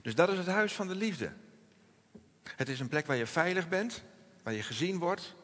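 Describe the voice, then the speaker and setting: A man preaching a sermon in a gentle, reflective manner, slowing and softening his voice on quoted words. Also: fairly high pitch, animated, in a large hall. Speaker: pastor.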